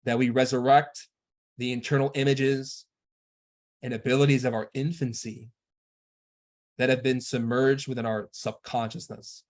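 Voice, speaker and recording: A man speaks at a middle pitch, neither high nor low, giving a spiritual lecture. His delivery is measured and earnest, unhurried like a teacher laying out instructions. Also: level tone.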